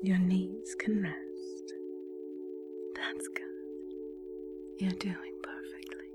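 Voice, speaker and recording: A woman whispering slow, soothing guided relaxation instructions as a hypnotist. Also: medium pitch, little pitch movement, loud music behind the voice.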